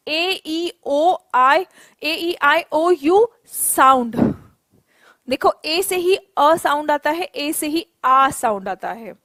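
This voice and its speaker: A woman's voice: sits high, fairly bright tone, no echo. A young Indian woman teaching an online English class, mixing Hindi and English, coaxing her students and drawing out her English example sentences.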